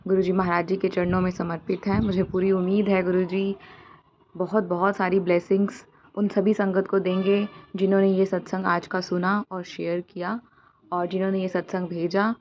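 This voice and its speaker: A woman host closes a devotional program in a soft, reverent tone. Her voice is low and stays almost flat. The recording sounds slightly muffled, with a faint hum behind it. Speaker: channel host. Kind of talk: devotional closing remarks.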